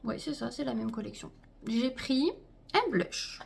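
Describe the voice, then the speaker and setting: A woman's voice: on the high side, expressive, unhurried, gravelly, slightly rough. A woman chatting casually to her viewers as she unboxes a makeup haul, talking to them directly and trailing off with fillers. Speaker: beauty vlogger.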